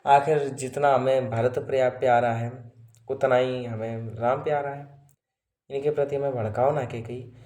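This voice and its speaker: A man's voice: medium pitch, fairly even intonation, normal speed, darkish tone, pitched below the performer's own voice, lightly acted. A man in a sermon voicing a proud queen who speaks firmly, in an echoey room. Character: proud queen, indignant then scheming. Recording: echoey roomy sound.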